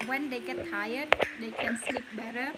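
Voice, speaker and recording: Woman, 30s, slow, slightly high, casual home vlog with loud background noise. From Cambodia. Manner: unhurried, chatty, coaxes her toddler in between. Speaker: vlogger and mother. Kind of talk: casual chat to camera. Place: home kitchen.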